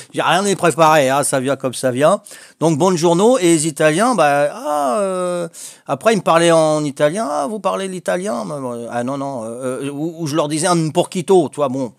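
A little high and at normal speed, an older man's voice carries a Corsican French accent as he chats casually on a home video. A vlogger learning a language, he's hesitant, joking, and full of fillers and restarts. The sound is studio quality with no echo.

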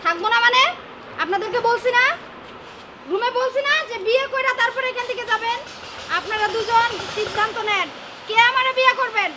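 A woman's voice: very high-pitched, normal speed, noisy background. An actress playing a domineering young woman who commands and scolds two men into marrying her, in a comedy drama. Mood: bossy. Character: domineering local young woman, pushy and threatening. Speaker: bossy young woman demanding marriage.

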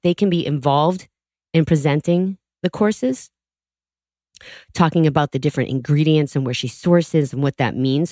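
A woman's voice: sits low, darkish tone, no room sound, clean studio sound. A woman hosting a podcast, talking casually and enthusiastically with lots of fillers and little laughs. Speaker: podcast host. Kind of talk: casual podcast intro monologue.

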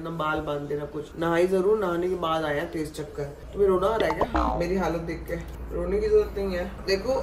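A woman vlogger chatting casually to the camera at home, weak and feverish, slipping English phrases into her talk. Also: on the low side. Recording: noisy home recording.

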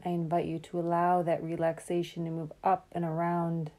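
A woman meditation guide with a somewhat low voice talks listeners through a relaxation meditation. She stays calm, soothing and unhurried, letting long pauses fall between phrases.

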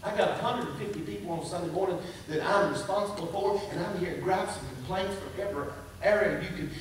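Preacher guy, highish voice, real echoey church sound from a distance. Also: quick pace, background noise. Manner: conversational preaching with rising emphatic bursts. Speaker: pastor. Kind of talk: sermon. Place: church sanctuary.

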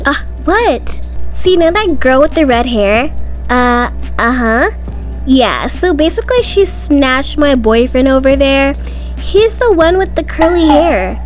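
A young woman, a video creator voicing every character in a school roleplay story, does amateur voice acting full of slangy, dramatic teen-girl dialogue. Her voice is high-pitched, expressive and a little slow, with background music playing behind it.

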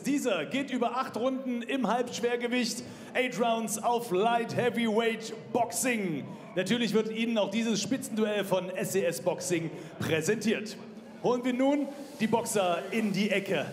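A man works as a boxing ring announcer in German and English, with showy fight-promoter hype and drawn-out names. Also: sits high. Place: boxing ring in a large event hall. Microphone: handheld microphone. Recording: echoey hall PA, music behind.

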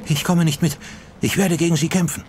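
A man's voice: on the high side, fairly even intonation, fairly quick, slight background noise, pitched above the performer's own voice, natural voice. A man voicing a defiant young woman ghost hunter who snaps sharply at the people around her, in an audiobook reading. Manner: sharp, snapping.

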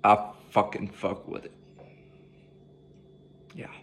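Indoors in his living room, a young man on a headset mic films a music reaction video, relaxed and swearing liberally while he talks up the track. He takes it slowly, with a fairly bright tone.

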